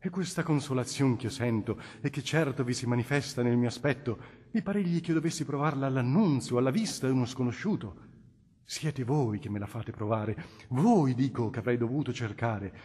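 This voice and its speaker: A man voicing a gentle, venerable old cardinal who speaks calmly and affectionately in an audiobook reading. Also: normal speed, slightly rough, lightly acted. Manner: affectionate, calm, lower and softer speech. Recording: long hall reverb.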